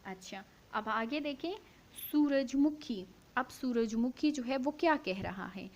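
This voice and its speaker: A woman teaching young schoolchildren, reading a story aloud slowly line by line, repeating each line and then explaining it with questions she answers herself. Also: a little high. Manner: slow, syllable-by-syllable reading, repeating each line for pupils to follow; asks the class questions and answers them herself.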